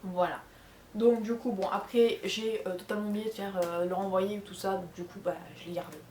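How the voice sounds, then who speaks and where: A woman's voice: medium pitch, fairly even intonation, a little fast, dark tone, echoey room, slight background noise. A young woman from France with a Charente accent, chatting casually to viewers, rambling with lots of fillers and self-corrections. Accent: French from the Charente region. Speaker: vlogger answering viewer questions. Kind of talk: casual chat. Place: bedroom at home.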